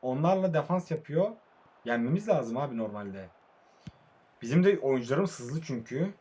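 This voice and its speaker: A young man, sleepy late at night, commentating his own football video game match in a casual way, calm one moment and frustrated the next. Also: mid-range voice, moderate pace, husky. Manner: casual, swings between calm murmuring and frustrated outbursts. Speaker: mobile football gamer. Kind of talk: live match commentary while playing.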